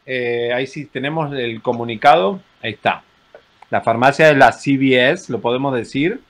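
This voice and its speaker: A middle-aged man co-hosting a casual gossip chat over a video call, wry and joking, often halting on fillers. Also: medium pitch. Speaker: co-host. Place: home room.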